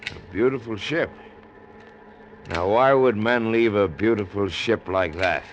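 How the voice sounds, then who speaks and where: Actor as gruff chief keeper, noisy old radio. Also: male voice, lowish voice, measured pace, close to an everyday voice. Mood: curt, brisk. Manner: curt, authoritative, sardonic. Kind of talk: 1950s radio drama acting. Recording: noisy vintage radio drama recording.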